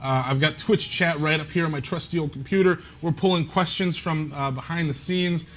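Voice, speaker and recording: A man's voice: fairly high pitch, a little fast, a bit bright, slight background noise. Upbeat jokey male stream host. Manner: jokey, upbeat, rambling with fillers. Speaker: show host. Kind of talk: live stream gameplay talk show.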